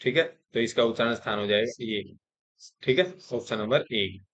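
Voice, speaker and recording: A man leads an exam-prep grammar lesson in a mid-pitched voice. He recites each rule, then restates it in plain words. He keeps checking in with his students as he goes. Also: moderate pace, a bit bright, highs cut off. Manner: explains step by step, often saying 'theek hai' to check in; recites Sanskrit rules, then restates them plainly in Hindi. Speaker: teacher.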